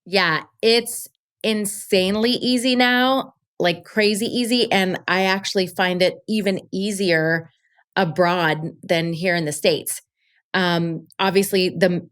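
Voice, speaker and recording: A woman's voice: lowish voice, steady tone, measured pace, fairly bright tone, clear, resonant tone. A woman guest on an interview podcast, chatting casually and upbeat about her work, with many fillers. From Colombia. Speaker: podcast guest, travel show creator.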